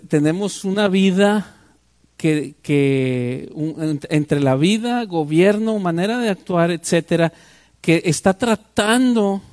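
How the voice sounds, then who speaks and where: An older man delivers a sermon, often turning to the congregation with rhetorical questions. His voice sits high for a man. The sound is dry and close, with no room echo. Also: darkish tone. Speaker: pastor.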